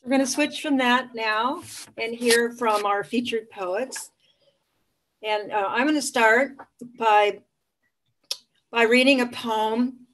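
Slow, higher-voiced woman declaiming poetry. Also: low-quality recording. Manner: slow, declaiming each line with emphasis. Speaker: poetry event host. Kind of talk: reading poetry aloud at a live event. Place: library event room.

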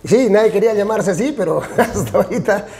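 A man's voice: high voice, fast talker, warm tone. A man in his forties with a Peruvian accent, a band vocalist and songwriter talking frankly and animatedly in an interview, often ending with tag questions. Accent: Peruvian Spanish. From Peru. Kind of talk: casual interview talk. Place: small restaurant with brick walls.

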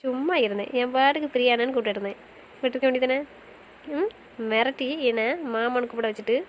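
A woman playing a quick-tongued young wife in an audio romance series, talking back in pouty banter. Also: on the high side, highs cut off, a little hiss or hum, close to an everyday voice. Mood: sulky, playful. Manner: fast, pouty back-talk.

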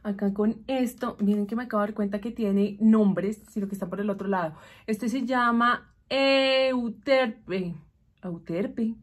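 A woman's voice: medium pitch, unhurried. A woman chatting casually and gossipily as she recaps a TV show while doing her makeup. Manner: chatty, gossipy, keeps saying "mi amor". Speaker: vlogger.

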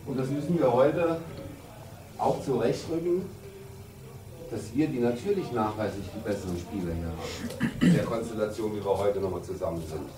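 A man in his fifties, a handball coach giving an emphatic, deliberate pre-game team talk with pauses for effect in a locker room. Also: on the low side. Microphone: camera a few metres away. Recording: roomy, distant camera mic, background noise.

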